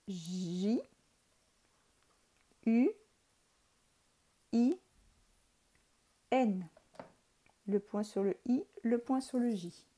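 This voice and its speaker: Patiently spelling out each letter and syllable, a French woman teaching primary school records a lesson for young children. She has a mellow voice on the high side.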